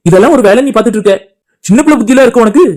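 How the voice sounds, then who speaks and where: Cartoon role: a man doing a blunt, irritable young brother, high-pitched, fast. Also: expressive, darkish tone. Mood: irritated. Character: protective older brother, short-tempered young man. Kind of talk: cartoon voice acting.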